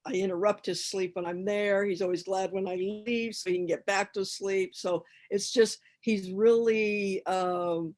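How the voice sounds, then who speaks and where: A woman with a medium-pitched voice speaks casually as a volunteer asking for advice. Her delivery is halting, with repeated words as she searches for how to put things. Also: fairly even intonation, a little mellow. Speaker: hospice volunteer seeking advice. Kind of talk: casual, personal account on a group call.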